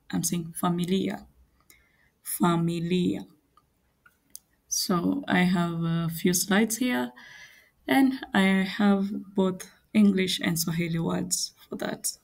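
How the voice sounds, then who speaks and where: Slow, gravelly woman teaching. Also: lowish voice. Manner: repeats each word slowly and carefully. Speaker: Swahili teacher. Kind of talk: slow language lesson.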